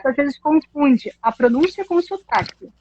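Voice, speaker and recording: A woman, an English teacher explaining pronunciation in a casual chat, animated and laughing often. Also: high voice, normal speed, dull audio, a little hiss or hum.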